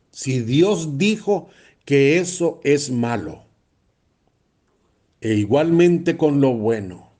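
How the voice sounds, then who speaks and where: A man's voice: fairly high pitch, darkish tone. A man, a priest preaching a blunt, emphatic sermon and repeating phrases for stress.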